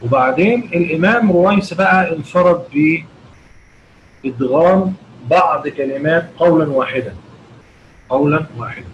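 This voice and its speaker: A man's voice: on the high side, lively intonation, normal speed, pauses often. A man with an Egyptian Arabic accent teaching Quran recitation rules, asking his students rhetorical questions and answering them himself. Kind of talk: explanatory lesson with chanted recitation examples. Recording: dull lo-fi recording with noticeable background noise.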